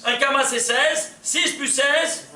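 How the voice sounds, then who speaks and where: A man teaching a lively Torah lecture, quizzing his audience and laughing often. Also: extremely high pitch, slow pace. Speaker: rabbi teaching. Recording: echoey room from far off, faint hiss.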